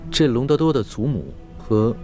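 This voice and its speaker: An actor playing a young emperor and deferential grandson in a Chinese costume drama, speaking formally, politely and with care. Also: male voice, mid-range voice, very animated, normal speed, over loud music, natural voice. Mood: probing. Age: young adult. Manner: formal, polite, careful phrasing.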